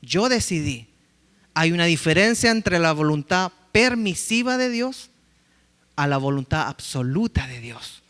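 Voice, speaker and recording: A man preaching in a church, his voice high and bright. He tells lively stories and acts out the quotes. A long reverb hangs after his words. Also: a little slow. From Chile. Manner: lively storytelling, acting out quotes. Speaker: pastor. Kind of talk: sermon. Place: church sanctuary.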